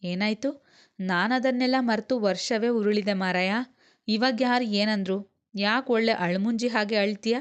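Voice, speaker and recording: A woman reading the lines of a kind, warm-hearted young sister-in-law who talks in a gently teasing, caring way. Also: medium pitch, measured pace, clear, resonant tone, natural voice. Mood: reassuring.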